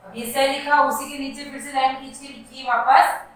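A woman's voice: high voice, little pitch movement, moderate pace. A woman kindergarten teacher guiding children through writing letters step by step, with patient instructions and questions for them to repeat. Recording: very echoey room, voice far from mic.

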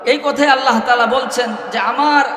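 A man's voice: very high voice, fairly even intonation, normal speed, bright, forceful tone. A man preaching a melodic Islamic sermon, chanting his lines and calling on the crowd to answer back. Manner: chanting, calls for audience responses. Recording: echoey hall reverb.

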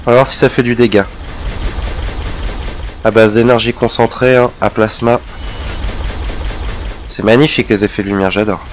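Low-pitched male gamer narrating his play, chatty and self-mocking, faint gunfire behind. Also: steady tone, moderate pace, pauses often, a little hiss or hum. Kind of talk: casual gameplay commentary.

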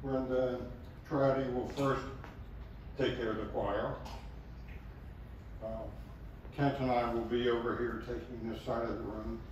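A man leading a communion service as pastor, reciting the prayer in a measured, solemn way. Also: mid-range voice, flat delivery, darkish tone, dull audio. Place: chapel. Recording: echoey chapel, distant mic, faint room noise.

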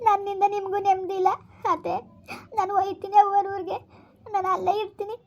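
Casual: woman doing a crying young daughter-in-law, really high flat voice, sobbing lines in a village drama. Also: brisk, muffled recording. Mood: tearful. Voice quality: sobbing, lamenting. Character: grieving young daughter-in-law, tearful and self-blaming. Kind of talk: village family drama acting.

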